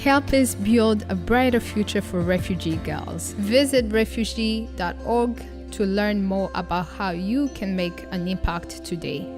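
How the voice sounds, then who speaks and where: A woman giving scripted narration for a charity film in a measured, deliberate way. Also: medium pitch. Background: music.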